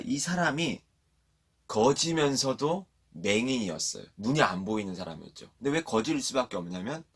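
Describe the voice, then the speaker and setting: A man preaching a sermon to children at a church online service, telling the story in a lively way and asking the children questions. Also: fairly low pitch, breathy edge.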